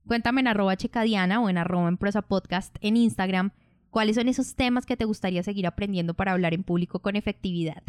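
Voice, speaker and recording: A woman teaching public speaking on her podcast in a calm, measured, explanatory way. Her voice is smooth and resonant, with a medium pitch. The close mic sounds dry and intimate. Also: no room sound. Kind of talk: instructional podcast narration.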